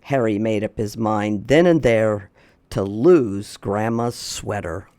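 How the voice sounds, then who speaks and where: A man with a fairly low, warm voice speaks slowly in a dry recording. He hosts a storytime for young kids, chatting folksily, repeating questions, talking aloud to a companion, and reading a picture book aloud.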